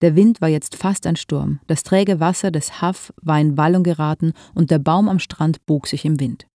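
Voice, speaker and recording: A narrator reading a novel aloud in a steady, measured storytelling manner. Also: mid-range voice, dry recording, studio quality. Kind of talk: scripted audiobook narration.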